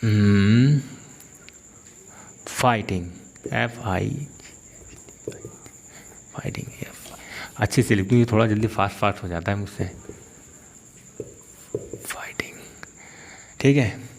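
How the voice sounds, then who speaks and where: A man from India, teaching English grammar in a classroom style and slowly repeating example phrases. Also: on the low side, creaky, a little mellow, a little hiss or hum. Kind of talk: classroom-style spoken lesson.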